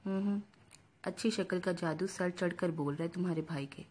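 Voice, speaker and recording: A woman's voice: fairly low pitch, a little mellow, breathy edge. A woman reading the lines of a spiteful, jealous young woman cousin in a storybook reading, with a venomous, snapping tone.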